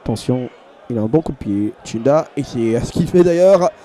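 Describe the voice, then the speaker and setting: A man giving excited sports commentary on football, breaking into drawn-out shouts and repeating his phrases. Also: mid-range voice. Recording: loud stadium crowd behind. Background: football crowd.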